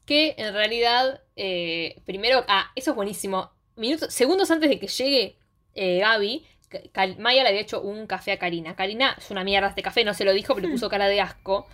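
A young woman with a Rioplatense Spanish accent, recapping a series in casual chat with quick, slangy storytelling. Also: mid-range voice, a bit bright. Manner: fast slangy storytelling, acts out characters' lines.

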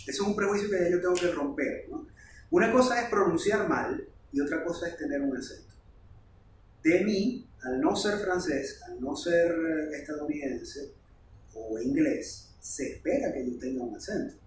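A man, a language teacher explaining things in a casual, animated podcast chat. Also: fairly high pitch, normal speed, a little hiss or hum. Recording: roomy, distant mic.

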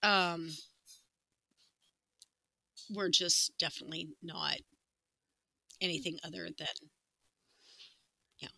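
Woman, 40s, podcast co-host; playful and giggly, very bright tone, dry close recording. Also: on the low side, fairly even intonation, creaky, no echo, low-quality recording. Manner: giggly, playful, quick to laugh. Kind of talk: casual chat.

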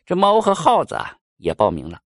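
A man's voice: sits high, huge pitch swings, brisk, dry recording, studio quality. A man telling a folk tale in a folksy Northeastern Mandarin accent. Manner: folksy, with "uh" fillers. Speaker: storyteller.

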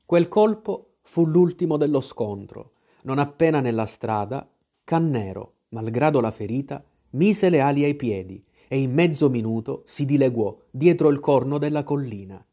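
A man's voice: mid-range voice, warm tone. A man reading an adventure story aloud in dramatic storytelling narration. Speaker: audiobook reader. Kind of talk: scripted narration.

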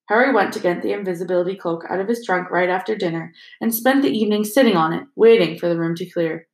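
A woman narrating a fantasy novel as an audiobook, in a steady storytelling manner. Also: mid-range voice. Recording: roomy echo.

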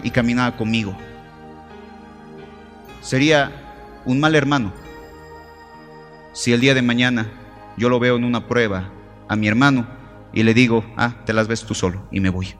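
A man's voice: medium pitch, fairly even intonation, moderate pace, long pauses, a bit bright. A man preaching a sermon, impassioned and exhorting, calling the congregation family, with faint music behind. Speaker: pastor.

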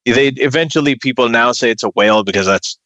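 A man's voice: mid-range voice, fast, pushed and bright, no room sound. A man hosting a podcast, reading out listener questions in casual chat, with a dry, facetious humor. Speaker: podcast host.

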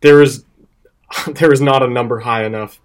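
A young man in an easygoing sports chat with a co-host. His talk is loose and animated, full of "like" and "um", with laughs breaking in now and then. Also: medium pitch, normal speed. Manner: animated, laughs often, fillers like "um" and "like". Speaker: podcast co-host. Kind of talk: casual sports betting chat.

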